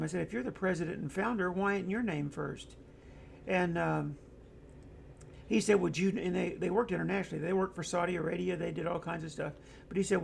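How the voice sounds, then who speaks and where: Middle-aged guy hosting a chat show, real gravelly fry in his voice, bit of faint hiss behind. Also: high voice. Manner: rambling, anecdotal, many fillers. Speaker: host of an online discussion show. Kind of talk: casual talk reading viewer comments.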